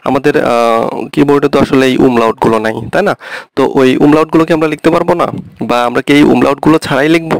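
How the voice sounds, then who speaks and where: A young Bangladeshi man with a gravelly, mid-pitched voice teaches at an unhurried pace, checking often that the listener follows. His voice sounds close and dry, with no room echo. He repeats each point patiently. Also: fairly even intonation. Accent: Bangladeshi Bengali. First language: Bengali. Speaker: language teacher. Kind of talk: explaining a lesson.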